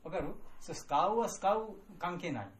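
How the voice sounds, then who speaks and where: A man's voice: high-pitched, expressive, echoey room. Man drilling syllables. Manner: slow drilling of syllables, checking with "wakaru?"; non-native Japanese. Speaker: Sanskrit pronunciation teacher. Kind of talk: pronunciation lesson with chanting.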